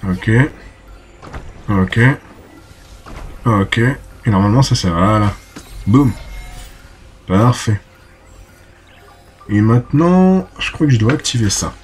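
A man's voice: lowish voice, animated, slow pace, pauses often, a little hiss or hum. A man giving casual let's play commentary, chatty and talking to himself, exclaiming and cursing as he fights. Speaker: gameplay commentator.

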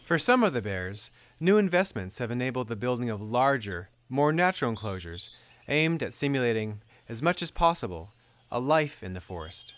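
A man's voice: mid-range voice, very animated, normal speed, hardly any pauses, slight background noise. A man reading scripted nature documentary narration.

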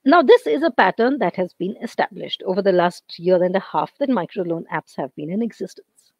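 A woman lecturer with an Indian English accent teaching over a video call, her voice going hoarse and her throat often cleared. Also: medium pitch, lively intonation, fairly quick, no room sound. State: losing her voice. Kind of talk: online lecture.

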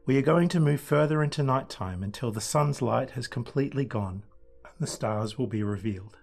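Husky male astronomer narrating a planetarium show. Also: medium pitch, fairly quick, a little mellow, soft background music. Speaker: astronomer, guest tour guide.

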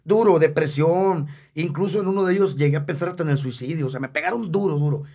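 Guesting in a casual interview, a Mexican singer aged in his fifties jokes and speaks with candor and emotion, repeating words for emphasis. He talks fast in a slightly high voice with a darkish tone and a breathy edge.

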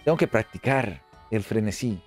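A man giving excited let's play commentary, chatty and often repeating phrases in quick bursts. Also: lowish voice. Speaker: gameplay commentator. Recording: faint game music underneath.

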